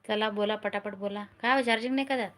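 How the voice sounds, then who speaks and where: A woman's voice: medium pitch, fairly even intonation, quick pace, a bit bright. A middle-aged woman from Maharashtra, chatting casually on a live stream and repeatedly urging viewers to join and comment. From Maharashtra, India.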